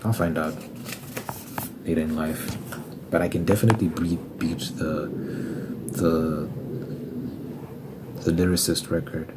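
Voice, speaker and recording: In a casual, rambling ASMR chat, a man in his twenties, an ASMR creator and musician, muses aloud and works through sums while talking to himself. His voice is extremely low and steady in tone, a little slow, with long pauses. Heavy background noise sits behind him.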